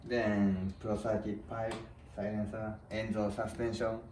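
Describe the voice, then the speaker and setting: Recorded from a distance with echo and clear background noise, a man chats casually. He has a non-native English accent and speaks in short, simply built phrases as a guest rider explaining his own setup. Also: on the low side, flat delivery, unhurried, a little mellow. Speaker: guest freestyle motocross rider. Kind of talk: casual unscripted chat. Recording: distant echoey sound, clear noise, clicks.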